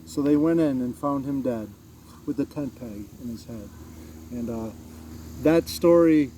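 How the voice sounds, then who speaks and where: Halting man reading scripture. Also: medium pitch, warm tone, slight background noise, poor audio. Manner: halting, many fillers. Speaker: vlog host. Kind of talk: casual Bible reading and chat.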